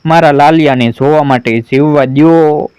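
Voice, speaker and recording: A man voicing a frail, terrified old woman who slowly begs to be allowed to live. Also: on the high side, darkish tone, smooth, no echo, lightly acted, low-quality recording. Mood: pleading. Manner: begging, slow and drawn out.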